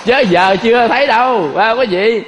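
High-voiced monk preaching in a reverberant hall. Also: male voice, normal speed, a bit bright, slight background noise. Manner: storytelling, constantly addressing the listeners. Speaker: Buddhist monk teacher. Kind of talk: folksy Buddhist sermon.

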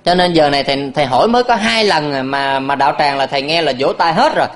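A Buddhist monk with a fairly high, slightly bright voice talks fast as he preaches a sermon to a hall of followers. He keeps it playful, laughing often and quizzing his audience.

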